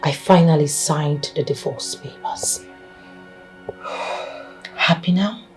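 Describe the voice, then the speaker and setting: A woman's voice: low-pitched, slow, darkish tone, soft background music. An actress with a Nigerian accent playing a weary, resigned woman who has just divorced.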